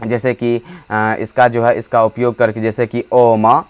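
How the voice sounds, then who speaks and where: A man giving a Hindi grammar lesson for board exams, often pausing on fillers and restarts and stretching vowels out to show their length. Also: mid-range voice, completely flat delivery, smooth. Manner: halting, many fillers and restarts; drawn-out demonstration vowels. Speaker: teacher.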